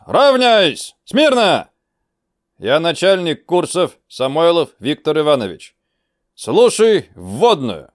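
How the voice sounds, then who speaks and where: A man's voice: on the high side, no echo, studio quality, voice pushed up. A man voicing a stern male army commander who barks orders at recruits. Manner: barking commands.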